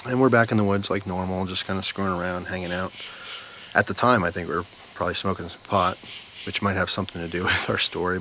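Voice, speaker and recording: Low-voiced American man spinning a casual yarn. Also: sharp tone, a little hiss or hum. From New Jersey, United States. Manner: unhurried, informal, emphatic repetition. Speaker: storyteller, video host. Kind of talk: casual rambling storytelling. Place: outdoors at night near bushes.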